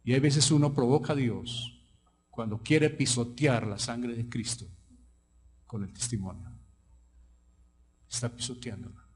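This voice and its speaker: A Colombian man with a Colombian Spanish accent preaches a sermon from the pulpit. His voice sits in a middle pitch. He tells stories and keeps asking the congregation questions. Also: measured pace, pauses often, slightly rough. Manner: lively storytelling preacher, asks the congregation questions. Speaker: pastor.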